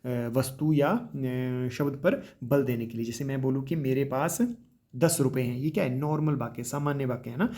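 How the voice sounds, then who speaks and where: A man teaching grammar for a police exam, explaining step by step, calling his students children, and often tagging his points with a quick "right?". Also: medium pitch, a little mellow. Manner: explains step by step, addresses students as children, repeats with tag questions. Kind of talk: exam-prep grammar lesson.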